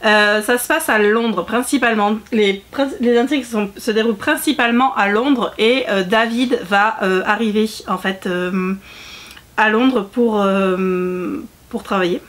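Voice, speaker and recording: A book vlogger with a medium-pitched, slightly slow, and a bit bright voice chats to camera in a casual way. She is talkative, often filling gaps with fillers and restarting to correct herself.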